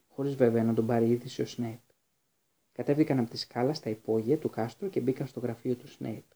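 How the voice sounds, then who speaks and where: A man reading a story aloud in a steady, even voice. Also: medium pitch, vocal fry, husky. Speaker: audiobook reader. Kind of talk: storybook narration.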